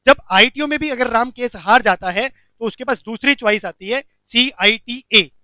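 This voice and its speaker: A man teaching a commerce lecture, animated, asking the class questions and answering them himself. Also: very high voice, moderate pace, no room sound.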